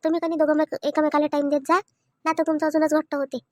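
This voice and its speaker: A woman voicing a sensible sister-in-law in a cartoon family drama who calms and advises, speaking. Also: high voice, fast, no room sound, close to an everyday voice. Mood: advising. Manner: soothing, advising.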